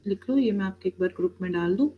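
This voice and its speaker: A woman's voice: mid-range voice, narrow, tinny audio. A woman teaching a Korean language class online, patiently explaining each word and calling students beta. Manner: patient, addresses students as beta, spells out words slowly.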